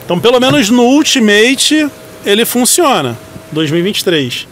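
A man with a Brazilian accent and a slightly high voice vlogs casually about cars. He thinks aloud in an informal way, in and around parked vehicles, with clear ambient noise behind him. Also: very animated, moderate pace, a bit bright. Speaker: car reviewer. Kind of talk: casual car vlog.

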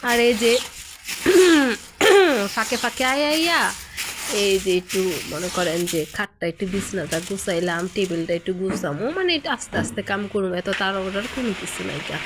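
A woman's voice: medium pitch, expressive, normal speed. A woman from Bangladesh with a Munshiganj Bengali dialect, chatting casually to her viewers as a cooking vlogger and often checking they follow along. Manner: chatty, keeps asking viewers "right?". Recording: home video with clear background noise.

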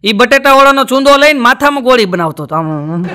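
Bright high-voiced Gujarati comedian. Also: male voice, expressive, fast. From Gujarat, India. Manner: chatty, keeps addressing the audience as "sir". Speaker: stand-up comedian. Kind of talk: stand-up joke telling.

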